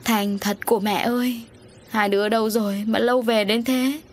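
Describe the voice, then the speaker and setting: A grief-stricken young mother cries out for her lost child in a storybook reading, her voice climbing higher and straining with despair. A woman reader acts her out. Faint music runs underneath. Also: steady tone, normal speed, close to an everyday voice. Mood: distraught. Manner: wailing, pleading.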